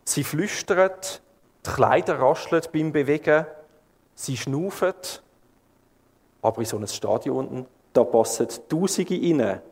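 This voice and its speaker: A male preacher with a Swiss German accent delivers his sermon at an unhurried pace, calm and measured. He paints scenes vividly for his congregation. His voice rings out with the long reverb of a church hall. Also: fairly high pitch, husky.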